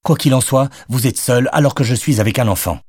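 A man's voice: medium pitch, a little fast, a little mellow, breathy edge, dry recording, clean studio sound, voice pushed up, close to an everyday voice. A man voicing an irritated father in an audiobook, brusque and grumbling.

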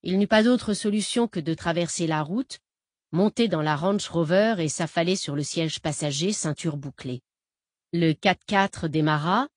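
A woman reading a novel aloud in steady, measured scripted narration. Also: fairly low pitch, no echo, studio quality. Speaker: audiobook narrator.

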